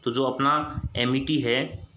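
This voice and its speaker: A man's voice: mid-range voice, fairly even intonation, takes it slowly, sharp tone, slight background noise. Man teaching, asking and answering himself. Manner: repeats each point as a question and answers it. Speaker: English vocabulary teacher. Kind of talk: Hindi screen-recorded lesson. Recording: echoey room.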